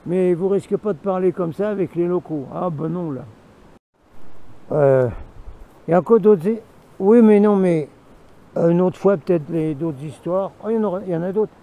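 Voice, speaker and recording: A vlogger with a high-pitched, mellow voice and moderate pace rambles through a repetitive story to camera in the mountains, now and then muttering asides to himself. The audio is poor, with faint noise in the background.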